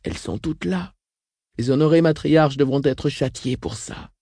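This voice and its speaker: A man reading the part of a frail, weakened old woman who speaks flatly and stays unshaken. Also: fairly high pitch, moderate pace, husky, no room sound, studio quality, voice pushed up. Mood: grim. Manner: flat, unshaken. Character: frail elderly sister, weakened and coughing.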